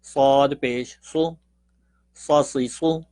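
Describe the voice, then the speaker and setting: Slow, patient male recitation teacher. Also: mid-range voice, fairly even intonation, warm tone, no room sound. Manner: drills syllables slowly, then explains briskly. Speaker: Quran reading teacher. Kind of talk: recited pronunciation lesson.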